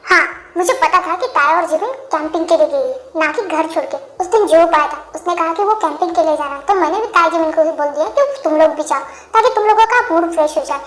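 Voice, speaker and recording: A woman's voice: very high-pitched, fast, reverberant, faint music behind, voice pushed down. A woman playing a lecturing old grandpa. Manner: calm, lecturing. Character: stern elderly grandfather, scheming but kind.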